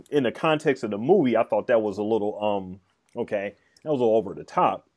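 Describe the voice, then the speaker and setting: A man's voice: fairly low pitch, fairly quick, vocal fry, darkish tone. A man in casual chat, talking in a rambling, hesitant way with many fillers and restarts. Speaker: podcast co-host discussing a film and comic.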